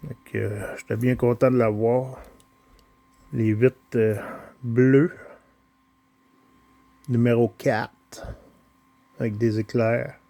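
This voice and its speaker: Un homme à l'accent québécois présente sa collection de petites voitures dans un vlog décontracté, en parlant avec hésitation et de nombreuses pauses. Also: male voice, mid-range voice, steady tone, gravelly, dark tone. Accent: Quebec French. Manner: slow, hesitant, full of pauses and filler sounds. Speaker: toy car collector showing his collection. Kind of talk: casual unboxing vlog.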